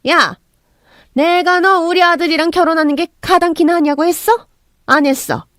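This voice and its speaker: A high, piercing voice of a haughty middle-aged mother-in-law, put on by a woman reading a radio story. She scolds with contempt and curses freely. The sound is close and dry. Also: expressive, moderate pace, dry recording. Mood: furious.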